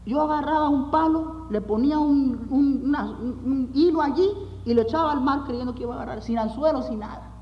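A man preaching as pastor, emphatic, repeating phrases for weight and dropping low at the ends of phrases. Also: fairly quick, dull audio, slight background noise. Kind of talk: sermon with illustrative stories. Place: church sanctuary. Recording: long hall reverb.

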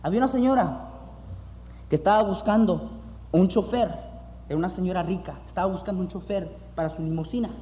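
A man preaching as pastor, emphatic, repeating phrases for weight and dropping low at the ends of phrases. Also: fairly quick, warm tone. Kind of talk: sermon with illustrative stories. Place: church sanctuary. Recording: long hall reverb.

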